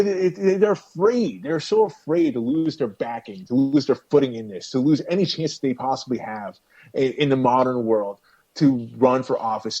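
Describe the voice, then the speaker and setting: A man's voice: medium pitch, a little mellow, no echo. A man hosting a casual podcast discussion, talking in a rambling way with many restarts. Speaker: podcast host. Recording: dull dry lo-fi audio.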